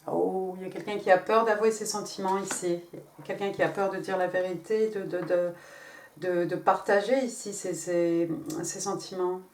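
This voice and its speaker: A woman's voice: lowish voice, steady tone, moderate pace, a little mellow. Chatty female tarot reader who stumbles and repeats herself, recorded from a distance in a roomy space with faint noise. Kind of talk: casual tarot reading.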